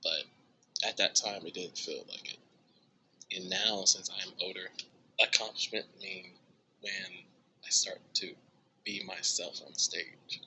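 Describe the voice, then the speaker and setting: Slowly and with long pauses, a young American drummer gives a casual storytelling interview about his music. His voice is very bright, with light noise behind it and poor audio overall. When quoting himself, he erupts into high, excited squeals.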